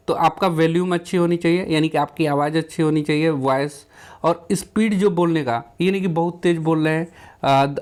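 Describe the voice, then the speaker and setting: A man teaching an exam question lesson, reading each English question out slowly and then explaining it in plain Hindi. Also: on the high side.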